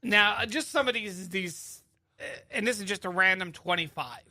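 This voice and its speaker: A man's voice: high voice, normal speed, bright, forceful tone. A male radio host bantering casually, often rambling and interrupting himself.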